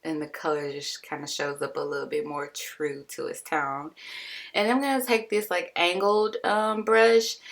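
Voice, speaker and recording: Young woman host, low-pitched with vocal fry, casual filler-heavy tutorial voice-over. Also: fairly bright tone. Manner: chatty, full of "like" and "um" fillers; self-deprecating about sloppiness.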